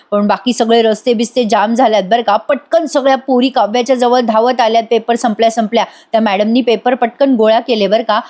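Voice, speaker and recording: A woman's voice: fairly high pitch, a little mellow. A woman reviewing a television serial episode, retelling the plot dramatically and acting out each character's lines in turn. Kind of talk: animated episode recap, acting out dialogue.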